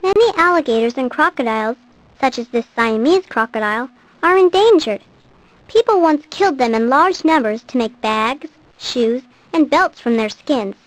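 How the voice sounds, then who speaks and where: A woman's voice: high-pitched, animated, moderate pace, no room sound, rough recording. A woman reading scripted nature documentary narration for an educational program.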